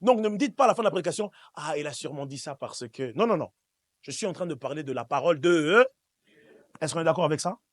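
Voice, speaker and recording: A fast-talking, animated man from Switzerland whose voice is on the high side preaches to his congregation at a church service. His call-and-response sermon is emphatic and repetitive and directly addressed to them, with no room sound in the recording.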